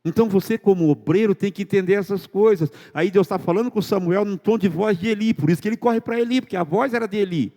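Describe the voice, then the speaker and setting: A man's voice: high-pitched, quick pace, hardly any pauses, mellow. A male pastor preaching a sermon in a church, firing rhetorical questions at the congregation. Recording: church sermon with long hall reverb.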